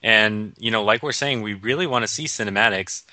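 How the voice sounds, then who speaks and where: A man's voice: fairly low pitch, brisk, pushed and bright, no echo. A man chatting casually about a video game, easygoing and hesitant with fillers. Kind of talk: casual gaming chat.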